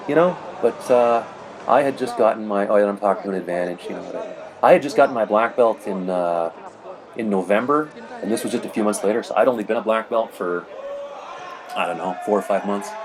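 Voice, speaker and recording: Rambling low-voiced man narrating fight footage. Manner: rambling, conversational, peppered with "you know". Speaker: martial arts competitor narrating his match footage. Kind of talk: casual narrated commentary over video.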